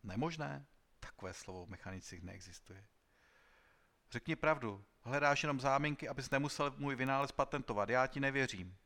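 A man reading an audiobook gives voice to a touchy young inventor who keeps pushing his voice up high and tight. He sounds agitated and pleading, an audiobook character always on the edge of outrage. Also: pushed and bright. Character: excitable young male inventor, touchy and desperate.

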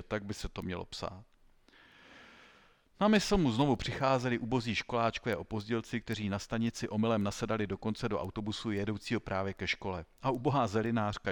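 A man narrating an audiobook story in a wry, even storytelling manner. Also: fairly low pitch, dry recording. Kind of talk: audiobook reading.

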